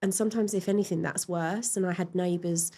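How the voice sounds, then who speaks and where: A woman in a podcast interview, frankly and reflectively telling her personal story, with pauses and fillers. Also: lowish voice, steady tone, warm tone. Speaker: podcast guest.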